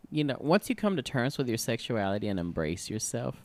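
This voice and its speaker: A man in his forties co-hosts a podcast, chatting casually and expressively and laughing often. His voice is mid-range, very animated and brisk, with slight background noise.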